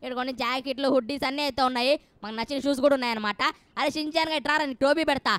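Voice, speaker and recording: A woman chats excitably through her gameplay, talking right to the viewers. Her voice is high and smooth, and her delivery races along. The sound is dry and close. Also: very fast, no room sound. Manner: excitable, playful, talks straight to viewers. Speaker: gameplay streamer. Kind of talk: gameplay commentary.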